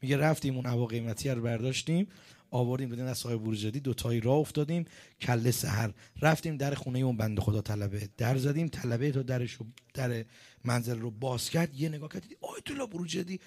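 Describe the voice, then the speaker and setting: Man, preacher, dramatic storytelling sermon, loud then hushed. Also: mid-range voice. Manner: dramatic storyteller, swings between loud outbursts and hushed lines.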